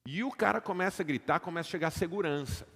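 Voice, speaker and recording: A man's voice: a little high, fast, vocal fry, husky. A man with a Brazilian Portuguese accent preaching a sermon as pastor, telling stories dramatically and calling on the congregation to respond. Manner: dramatic storytelling, rising to loud emphatic peaks; calls for audience responses. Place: church auditorium. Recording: long hall reverb.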